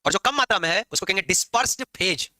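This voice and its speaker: Lively, quick-talking teacher. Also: male voice, sits high, dry recording. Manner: lively, scolding and joking with students. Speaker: chemistry teacher. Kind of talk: classroom lecture.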